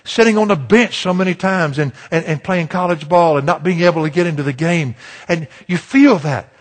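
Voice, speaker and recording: A man's voice: a little high, normal speed. An older man from Virginia, preaching a sermon as a pastor, folksy and self-deprecating in his storytelling. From Virginia, USA.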